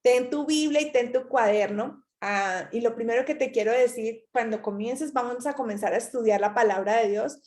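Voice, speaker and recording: A woman's voice: on the high side, moderate pace, hardly any pauses, darkish tone. A woman hosting an online group, teaching how to study the Bible with encouragement. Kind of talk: devotional teaching.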